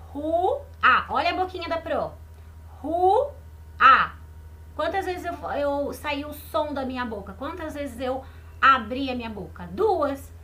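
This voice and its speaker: A primary school teacher with a high, bright, forceful voice leads an online lesson explaining exercises to children. She speaks slowly and patiently, repeating words slowly and asking the class questions.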